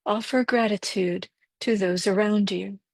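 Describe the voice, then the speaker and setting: A woman leading a guided breathwork meditation, giving gentle, unhurried instructions with pauses. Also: mid-range voice, steady tone, no echo.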